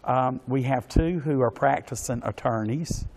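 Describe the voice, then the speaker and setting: A man answers as an interview guest. His pitch is average. He is courteous and formal, and hesitates often, repeating words as he searches for the next phrase. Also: darkish tone. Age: 60s. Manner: halting and hesitant, with many pauses and repeated words. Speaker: interview guest, pageant organization official. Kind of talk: polite spoken interview answers.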